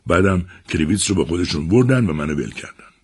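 Man doing a stammering schoolboy, shaken, deep husky voice, storybook radio reading. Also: lively intonation, dry recording, studio quality. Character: frightened bloodied schoolboy stammering out news.

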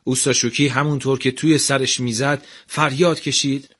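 A man tells a scripted radio story at a measured, even pace. His voice sits in the middle range with a husky grain. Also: mid-range voice.

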